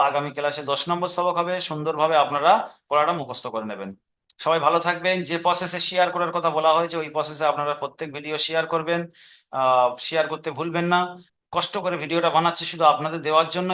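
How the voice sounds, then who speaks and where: A man with an Indian Bengali accent leads a recorded reading lesson at a brisk clip, his voice pitched slightly high. He explains rules patiently and often repeats them, slowing down to spell out sounds one by one. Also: pushed and bright. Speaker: Quran reading teacher.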